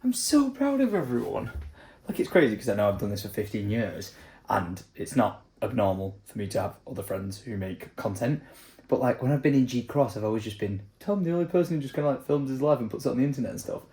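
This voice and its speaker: A man's voice: medium pitch, very animated, quick pace, dark tone. Chatty guy vlogging. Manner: chatty and enthusiastic, with filler likes. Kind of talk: casual vlog chat.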